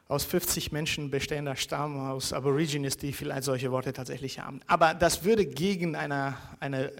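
A man's voice: a little high, creaky. Hesitant lecturing man. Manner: hesitant, many fillers, rhetorical "ja?" checks. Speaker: university lecturer.

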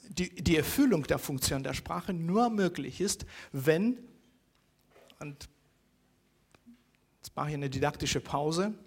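Man, university lecturer, lots of ums, slightly high voice. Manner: hesitant, many fillers, rhetorical "ja?" checks.

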